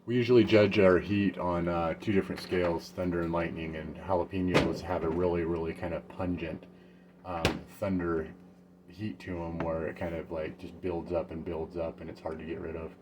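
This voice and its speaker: A man's voice: deep voice, moderate pace. A man hosting a casual home tasting vlog, talking in an easygoing, rambling way with many fillers. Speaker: home gardener reviewing peppers. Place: home and backyard garden. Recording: steady background noise.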